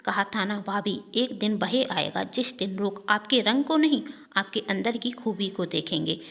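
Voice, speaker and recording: A woman's voice: medium pitch, normal speed, gravelly, fairly bright tone. A woman voicing a loyal, outspoken young woman who stands up for her sister-in-law, in a read-aloud story. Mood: coaxing.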